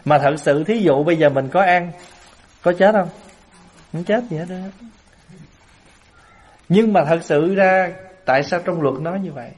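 A man giving a Buddhist sermon to an assembly, telling lively everyday stories. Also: on the high side, a little slow, long pauses, breathy edge. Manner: lively storyteller, acts out everyday scenes with laughter. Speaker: Buddhist monk giving a Dharma talk.

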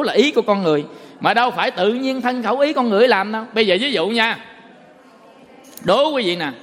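A man giving a Buddhist dharma talk, a folksy, animated storyteller who quizzes his listeners. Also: high-pitched. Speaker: Buddhist monk. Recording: long hall reverb.

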